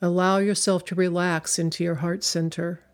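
Slow, hypnotic woman leading meditation. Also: lowish voice, flat delivery. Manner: slow, soothing, hypnotic pacing with long pauses. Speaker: spiritual speaker and meditation leader.

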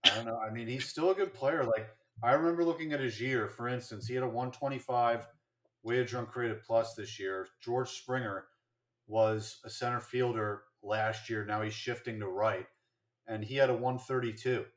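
A man's voice: mid-range voice, fairly even intonation, normal speed, fairly bright tone. A man co-hosting a casual sports podcast, chatting and rattling off statistics with fillers and restarts. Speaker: podcast co-host.

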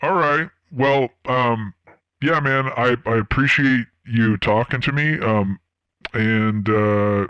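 Man through a deep pitch-shifting voice changer. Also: fairly bright tone, smooth, highs cut off. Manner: hesitant, halting, many fillers. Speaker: caller baiting a phone scammer. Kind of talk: casual phone conversation.

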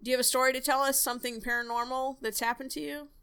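A woman playing a smooth, easygoing late-night call-in radio host with chatty on-air patter. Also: high-pitched, fairly even intonation, fast talker, a bit bright.

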